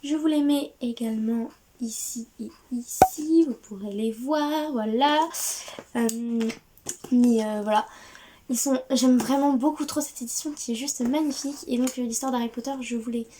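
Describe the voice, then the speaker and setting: A woman's voice: sits high, normal speed, very noisy. A woman hosting a casual book haul, cheerful and gushing, with frequent hesitations and restarts. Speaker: book video host.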